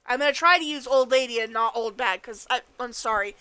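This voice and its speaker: A woman's voice: on the high side, brisk, pushed and bright, clear, resonant tone, dry recording. A woman hosting a video game let's play, chatting casually. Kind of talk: casual gaming chat.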